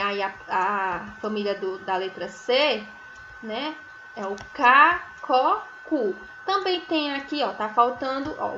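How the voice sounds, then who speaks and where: Woman teaching first graders at a very slow pace, high-ish voice, sounds out each syllable, somewhat muffled recording. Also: fairly bright tone, a little hiss or hum. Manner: frequent checking tags like "né?" and "certo?". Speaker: primary school teacher.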